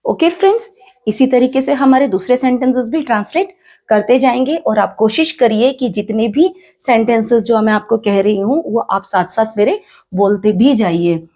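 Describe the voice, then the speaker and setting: A woman with an Indian accent teaching a spoken English lesson, slowly repeating each phrase and quizzing the learners. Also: a little high, dark tone. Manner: slow, repeats each phrase, asks the class questions.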